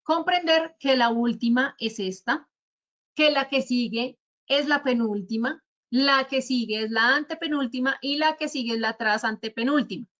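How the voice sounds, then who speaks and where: A Colombian woman with a high voice teaches spelling rules in an online talk. She works through her examples one by one in a patient, didactic way. The audio sounds somewhat dull, like a web meeting. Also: moderate pace, a bit bright. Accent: Colombian Spanish. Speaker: speaker at a virtual talk on writing. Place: virtual conference.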